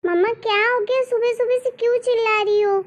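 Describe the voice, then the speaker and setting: A woman's voice: very high voice, steady tone, brisk. A woman voicing a spoiled, demanding young college girl in a cartoon story. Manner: whiny and demanding. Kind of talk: cartoon voice acting.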